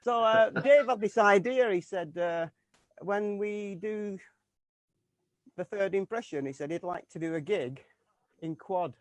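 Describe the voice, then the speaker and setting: A man's voice: sits high, unhurried, no echo. A man from the UK, a keyboard player in a tribute band, chatting casually in an interview and stumbling through many restarts and fillers.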